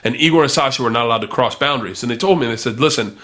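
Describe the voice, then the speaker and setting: Bright-voiced man telling a wild story. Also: mid-range voice, rapid-fire. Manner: animated, does voices of people in his story. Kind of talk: casual storytelling.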